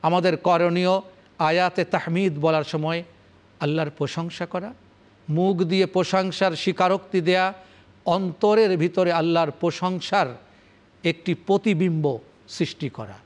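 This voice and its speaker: Solemn male scholar with a fairly high voice. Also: steady tone, measured pace. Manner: recites Arabic verses, then explains them in rhythmic, repetitive phrases; formal, solemn address to the audience. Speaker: Islamic scholar presenting Quran commentary. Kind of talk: televised religious lecture.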